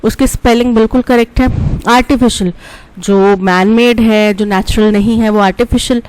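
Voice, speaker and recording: Bright-voiced woman teaching English. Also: on the high side, fairly even intonation, no echo, poor audio. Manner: explains word meanings in Hindi, reads English questions slowly. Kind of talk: exam-prep lesson explaining answers.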